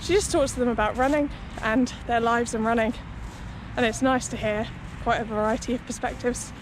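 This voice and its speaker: A young woman running vlogger speaks briskly in a fairly high, steady voice, chatting to her audience in a hedging, easygoing way. Recorded outdoors beside a busy city road, the clip includes street noise and the sound of passing traffic.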